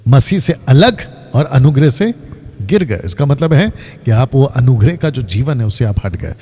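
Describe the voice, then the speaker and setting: A man, a pastor teaching live from the Bible in an animated way, stopping his reader and quizzing the audience. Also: mid-range voice, moderate pace, slightly rough. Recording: long hall reverb.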